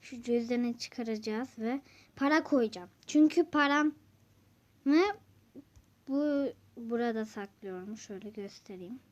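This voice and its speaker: Chatty high-voiced woman vlogger. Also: a little mellow. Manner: chatty, addresses viewers directly. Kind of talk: casual game-play narration. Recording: dull lo-fi recording.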